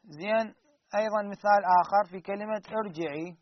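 A man teaching Quran recitation rules, asking his students questions and answering them himself, drawing out the example words slowly. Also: sits high. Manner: drawn-out slow recited examples. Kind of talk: teaching lesson. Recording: dull lo-fi recording.

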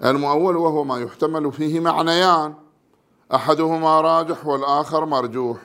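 Male religious studies teacher with a gravelly voice, reading and explaining a textbook point by point. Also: on the high side, steady tone, a bit bright. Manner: measured, reads numbered terms then explains them.

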